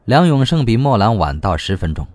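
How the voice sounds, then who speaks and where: A man reading a novel aloud as an audiobook narrator in measured, scripted narration. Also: on the low side, sing-song, darkish tone, dry recording.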